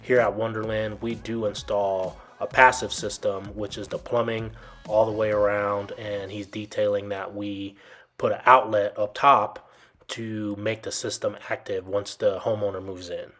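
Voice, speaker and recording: Low-voiced man narrating a home tour. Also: flat delivery, measured pace, fairly bright tone. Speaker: home builder's guide narrating a walkthrough. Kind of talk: explanatory video tour narration.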